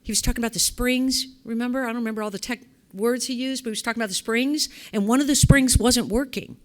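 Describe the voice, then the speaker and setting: A woman's voice: on the high side, fairly even intonation, fast talker. A middle-aged woman presenting at a conference, chatty and conversational, often checking in with rhetorical questions and acting out quoted remarks. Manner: conversational, asks the audience rhetorical questions, acts out quoted speech. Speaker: conference presenter on facility assessment. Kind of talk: lively conference talk. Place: conference session room.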